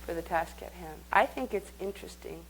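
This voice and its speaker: A woman's voice: lowish voice, animated, a little fast, a little hiss or hum, poor audio. A woman leading a live workshop, speaking conversationally and guiding the group through exercises. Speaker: workshop teacher.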